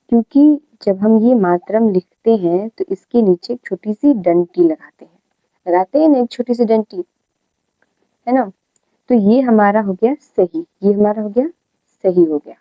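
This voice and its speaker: A woman's voice: mid-range voice, dry recording, highs cut off. A woman teaching a grammar lesson, who repeats key words and keeps checking in with her students.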